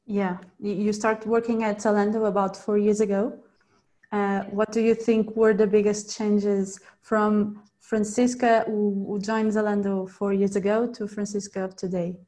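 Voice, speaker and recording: A woman's voice: medium pitch, level tone, normal speed, warm tone. Woman hosting an interview podcast. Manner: friendly, scripted intro, then stumbling questions. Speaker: podcast host.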